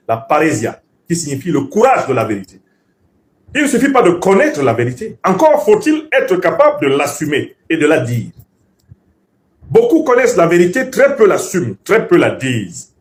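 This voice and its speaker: Raised with Bassa as his language, this man comments on politics in a voice pitched a little high that moves widely up and down. His delivery is that of a lecturing orator, forceful and professorial, pressing each point through repetition.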